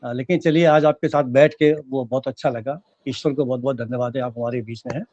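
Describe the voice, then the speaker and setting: A man warmly welcoming a guest with effusive thanks, hesitating and restarting his words. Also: mid-range voice, fairly even intonation, a little fast, dry recording, dull audio. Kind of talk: warm welcome speech.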